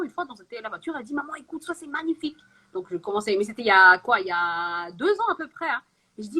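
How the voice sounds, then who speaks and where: Bright high-voiced woman singer. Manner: chatty, rushes through stories with quick asides. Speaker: singer and interview guest. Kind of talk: live singing then casual chat.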